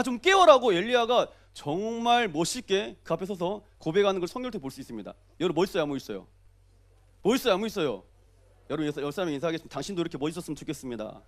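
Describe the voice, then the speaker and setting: A young male pastor preaching an early-morning sermon, joking and asking the congregation questions as he goes. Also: extremely high pitch.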